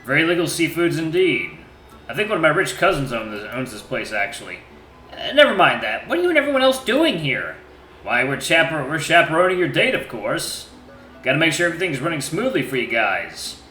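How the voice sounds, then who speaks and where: Casting: man as chatty, mischievous young pal, slangy and brash, bright animated delivery. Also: on the high side, a little fast, echoey room, soft background music, voice pushed up. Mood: casual, advising. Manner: casual, slangy. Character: brash, chatty, mischievous young male friend chaperoning a date.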